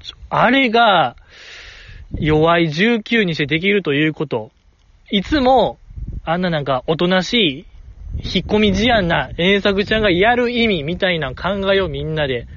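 A slightly high-voiced man with a Kansai accent runs a solo podcast, chatting casually and getting worked up, his voice leaping up when he's excited. The recording sounds a little dull, with a faint hiss underneath. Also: moderate pace. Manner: excitable, jumps in pitch when enthused, chuckles to himself. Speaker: podcast host.

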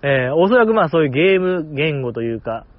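A man with a Kansai accent hosts his own podcast, gushing in a chatty, self-mocking way. His voice sits a little high and jumps up and down a lot as he talks. The sound is slightly dull and lo-fi. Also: very animated, fast, no room sound. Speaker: podcast host. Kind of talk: solo fan podcast chat.

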